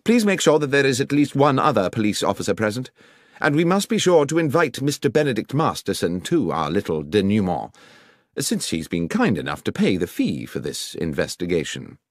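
Holmes, a man voicing a crisp detective. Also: fairly low pitch, huge pitch swings, no echo, studio quality, heavily acted. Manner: precise, measured and authoritative. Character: sharp, commanding male detective, middle-aged.

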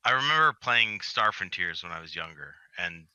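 A man chatting on an online panel, asking a question haltingly with many restarts. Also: low-pitched, very animated, sharp tone, no echo, highs cut off. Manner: hesitant, repeats words as he asks. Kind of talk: casual chat.

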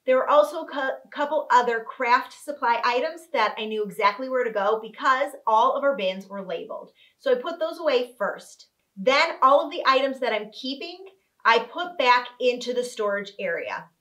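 Seated on a living room couch indoors, a home organizing vlogger in her thirties addresses the camera with a slightly high, somewhat bright voice. She's animated and moves at a moderate pace, laying out every step clearly with a cheerful, teacherly energy.

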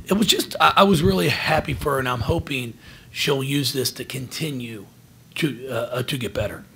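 A man in his forties, a basketball head coach, answering questions at a post-game press conference from behind a table microphone, earnest and halting, often restarting his words. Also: medium pitch, creaky, a bit bright, a little hiss or hum. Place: press room in front of a team backdrop. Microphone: table microphone in front of him.

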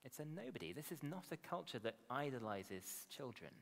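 A man's voice: medium pitch, sing-song, brisk, vocal fry. British man preaching in an echoey hall. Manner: conversational, frequent tag questions. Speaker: pastor, preacher. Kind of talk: sermon. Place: indoor hall, at a lectern. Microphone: lectern gooseneck microphones.

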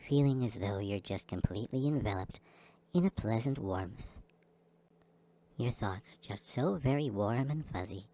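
A man guiding a listener through a slow, soothing hypnosis session. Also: fairly low pitch, expressive, dark tone, poor audio. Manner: slow, soothing, repetitive delivery. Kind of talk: guided hypnosis script.

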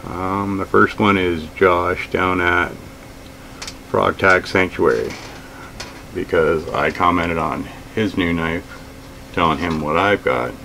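A middle-aged man with a deep, gravelly voice talks slowly and easily to a camera across the table. His manner is plain-spoken and unhurried, with plenty of ums and uhs. A faint air conditioner hums in the small room. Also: a little hiss or hum, poor audio. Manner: relaxed, plain-spoken, with frequent fillers. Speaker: outdoors vlogger. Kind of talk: casual gear talk to camera. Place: small indoor room with shelves of gear.

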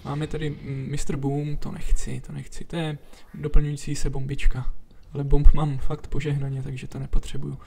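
A man giving relaxed let's play commentary, chatting to himself and to the enemies as he plays. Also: fairly high pitch, few pauses. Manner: chatty, talks to himself and to enemies while playing. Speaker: gameplay commentator. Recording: faint background game music. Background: game music.

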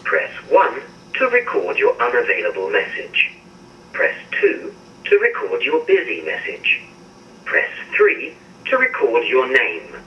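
An automated male voice reading voicemail menu prompts, heard over a landline phone. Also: mid-range voice. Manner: measured, recorded menu announcements. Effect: heard over a landline phone handset. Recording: muffled, distant landline phone audio with faint hiss.

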